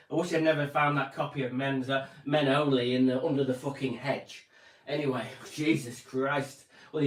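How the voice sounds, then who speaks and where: Rambling comic, echoey and distant. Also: male voice, a little high. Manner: rambling, deadpan, sweary. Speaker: stand-up comedian. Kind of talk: stand-up routine.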